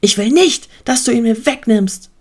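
A woman voicing a furious, territorial male sheep who shouts and rants shrilly. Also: a little high, very animated, moderate pace. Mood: raging.

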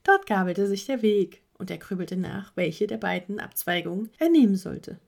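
Woman, children's story narrator, expressive and dramatic, very lively melody, gravelly fry. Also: medium pitch, normal speed.

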